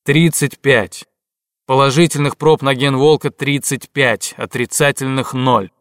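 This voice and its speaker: A man's voice: mid-range voice, fairly even intonation, unhurried, fairly bright tone, no echo, clean studio sound, natural voice. A man voicing an agitated male lab worker phoning in urgent bad news. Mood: glum.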